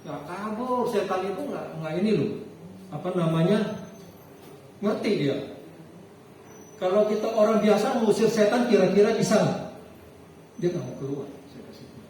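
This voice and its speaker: Man, pastor, sermon storytelling, high voice, distant mic, very echoey hall. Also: a little hiss or hum. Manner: storytelling, animated, frequent halting restarts. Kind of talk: sermon with personal testimony. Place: church hall.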